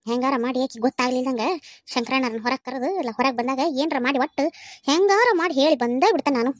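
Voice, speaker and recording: A woman's voice: high-pitched, fast, dry recording, close to an everyday voice. A woman with a North Karnataka Kannada accent voicing a scheming, resentful woman of a household who grumbles bitterly in a cartoon. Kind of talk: cartoon voice acting.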